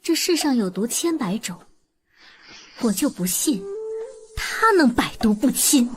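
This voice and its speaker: A vengeful young woman of a costume drama, plotting coldly in a high voice that swings widely. She speaks like a conspirator, often slipping into whispers, over faint noise. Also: sing-song, measured pace. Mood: cold, murderous.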